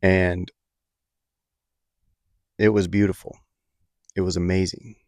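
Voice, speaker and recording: A man telling a personal story in a reflective, halting way, with many fillers and restarts. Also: sits low, level tone, no room sound.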